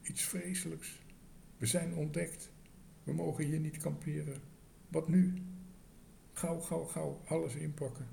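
A man voicing an anxious cook and father who speaks in a hurried, panicky way. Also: fairly high pitch, level tone, creaky, mellow, slight background noise, voice pushed up. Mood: panicked.

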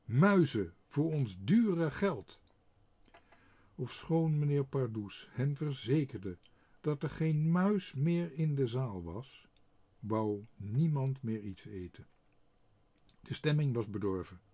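Hese man die een kinderboek voorleest, traag en levendig. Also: mid-range voice. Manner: slow and expressive. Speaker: reader. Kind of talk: reading a children's book aloud.

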